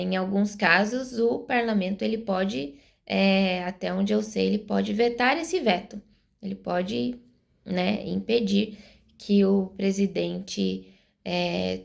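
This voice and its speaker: A Brazilian vlogger in her forties shares her opinions to camera, explaining things earnestly and thinking aloud as she goes. Her voice sits at a medium pitch, with vocal fry and a slightly mellow quality.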